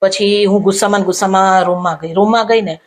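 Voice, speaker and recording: A woman spinning a comic monologue in a mid-pitched voice. She performs each exchange in her tale with lively back-and-forth. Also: quick pace, slight background noise. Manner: animated, acts out dialogue in her anecdotes. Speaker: comedian storyteller.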